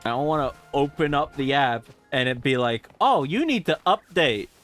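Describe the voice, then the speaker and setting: A man's voice: a little high, expressive, moderate pace, a bit bright, soft background music. An Australian man chatting as a guest on a stream, joking and laughing often. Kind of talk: casual chat over voice call.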